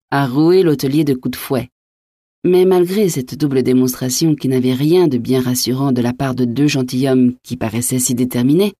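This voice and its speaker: A woman narrating a classic novel in a steady, measured audiobook reading. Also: a bass voice, dry recording, clean studio sound.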